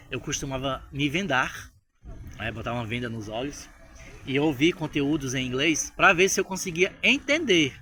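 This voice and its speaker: Animated Brazilian man, bright voice. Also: mid-range voice. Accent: Brazilian Portuguese. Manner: animated, addresses viewers directly with frequent tag questions. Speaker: English-learning vlogger. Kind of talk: casual storytelling to camera.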